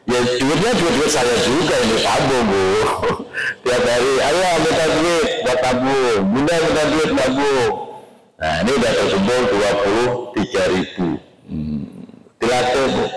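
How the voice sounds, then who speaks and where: A man preaching to a congregation, joking and talking to them directly, and reading out Arabic terms slowly before explaining them. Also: mid-range voice. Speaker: preacher leading a religious study class. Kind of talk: sermon. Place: mosque. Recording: echoey hall with loud background music.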